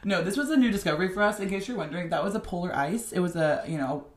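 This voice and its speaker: A woman's voice: on the low side, animated, very fast. A woman, co-hosting a podcast with playful, teasing banter. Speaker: podcast co-host. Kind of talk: casual chat. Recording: roomy echo.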